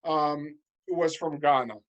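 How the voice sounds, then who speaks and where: A man who is a comedian co-hosting a casual chat, setting up deadpan punchlines. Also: fairly high pitch, slow pace, dull audio. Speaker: comedian co-host.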